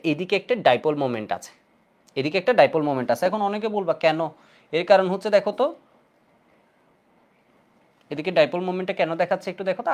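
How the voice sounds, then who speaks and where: A man with a Bangladeshi Bengali accent teaching chemistry in an online class, quizzing students with repeated questions. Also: high voice.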